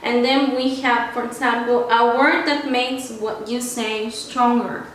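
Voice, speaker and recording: Slow-talking woman teaching in an echoey room. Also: fairly high pitch, fairly even intonation. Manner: switches between English and Spanish, frequent "okay?" checks. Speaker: English teacher. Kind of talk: online grammar lesson. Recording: very echoey room with faint ambient noise.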